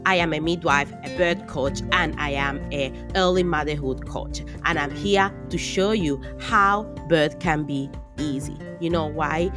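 On a podcast, a midwife in her thirties with an Italian accent recounts her personal story in a low-pitched voice. She speaks earnestly with soft emphasis, leaving pauses between phrases.

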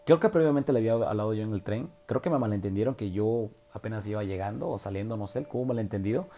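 Young Mexican man, low and warm voice, chatty slangy storyteller. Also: quick pace, soft background music. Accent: Mexican Spanish. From Oaxaca, Mexico. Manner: slangy, chatty, full of fillers and tag questions. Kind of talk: casual personal storytelling.

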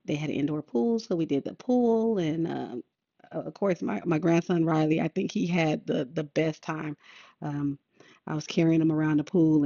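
A woman's voice: sits low, dark tone, dry recording. A woman podcast host, older, talking in a laid-back, rambling way with many fillers. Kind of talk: casual podcast monologue. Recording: dull lo-fi sound.

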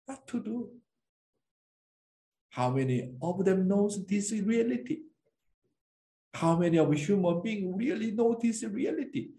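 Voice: mid-range voice, lively intonation, unhurried, pauses often, warm tone. A preacher giving an impassioned sermon in broken non-native English, pleading and emphatic. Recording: echoey room.

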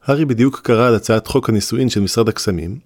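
A man narrating a fantasy story in an audiobook with a steady, measured reading. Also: medium pitch, no room sound, clean studio sound. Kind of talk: scripted narration.

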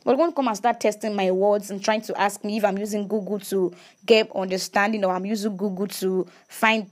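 A woman's voice: mid-range voice, a little mellow. A woman giving a casual faith talk to her viewers, emphatic, repeating words and asking rhetorical questions.

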